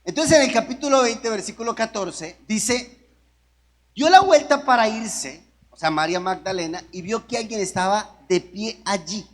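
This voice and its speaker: Man, preacher, fairly high voice, conversational sermon, keeps asking the congregation questions. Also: normal speed. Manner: asks the congregation many rhetorical questions; conversational, with restarts and jokes.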